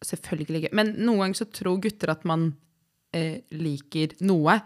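Rambling young woman telling stories. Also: sits low. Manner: rambling, self-interrupting storyteller. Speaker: podcast co-host. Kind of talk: casual chat.

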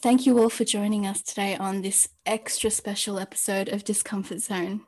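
A woman's voice: medium pitch, steady tone, moderate pace, a little mellow, breathy edge. A woman born in New Zealand, hosting a podcast and opening the discussion in a welcoming way. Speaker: podcast host.

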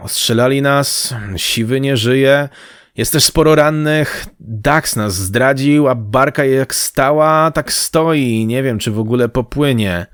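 A man plays a shaken young crewman in an audiobook, his voice raised a little and halting. He reports in distress. The sound is dry and close. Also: fairly low pitch, level tone, no echo, close to an everyday voice.

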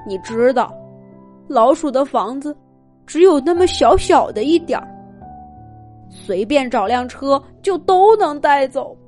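A woman's voice: high voice, animated, measured pace, pauses often, a little mellow, soft background music, voice pushed up. A woman voicing a father mouse who talks himself into a risky plan in a children's story. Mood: choked up. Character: anxious, scheming father mouse.

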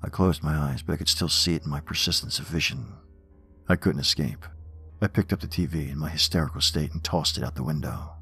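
A man hosting a horror podcast, reading scripted stories and poems in a measured, theatrical manner. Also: rumbling low, fairly bright tone, breathy edge, soft background music.

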